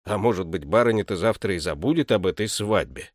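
A man voicing a stern, weary male household butler who speaks curtly in a lowered voice. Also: expressive, a little fast, no echo, studio quality. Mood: gruff. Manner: gruff, curt, lowered voice. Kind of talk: audiobook character reading.

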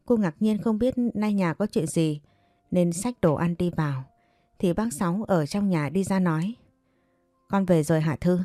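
A woman narrating a family drama story in a calm, steady storytelling manner. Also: lowish voice, normal speed, no room sound, studio quality, soft background music.

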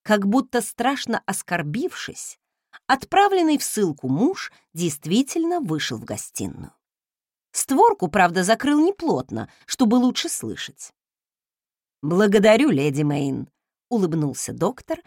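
Woman narrator, expressive and wry, very lively pitch, dry close sound. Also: a little slow, dry recording. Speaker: audiobook narrator. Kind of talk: first-person novel narration.

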